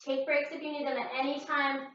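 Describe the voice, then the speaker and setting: A woman's voice: high-pitched, little pitch movement, fairly quick, fairly bright tone. A woman leading a yoga class as instructor, cueing movement and breath in short, soothing instructions. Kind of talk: guided exercise class instruction. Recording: echoey room, distant mic, muffled, faint noise.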